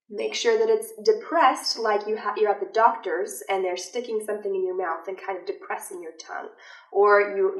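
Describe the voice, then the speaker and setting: Woman teaching singing in a roomy space. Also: medium pitch. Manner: clear demonstrative teaching, sings examples. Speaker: vocal instructor. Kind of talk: instructional voice lesson. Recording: roomy, from a distance, with faint music.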